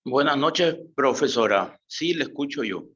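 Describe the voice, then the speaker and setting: A man's voice: medium pitch, expressive, unhurried, a bit bright. A man speaking casually and politely as a student in an online class, over a lo-fi call. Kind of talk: casual, polite question to a teacher.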